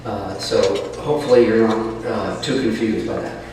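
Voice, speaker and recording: A man's voice: on the low side, moderate pace, a little mellow, recorded from a distance, slight background noise. A man chatting and then reading his own novel aloud, sounding like he is in a cave through a cheap mic. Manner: chatty, rambling asides. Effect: cave-like echo.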